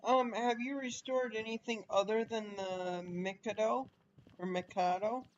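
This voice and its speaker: A man streaming a train simulator in casual live chat, thinking aloud and chatting with viewers between pauses. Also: extremely high pitch. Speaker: livestreamer playing a train simulator. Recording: dull lo-fi stream audio with faint noise.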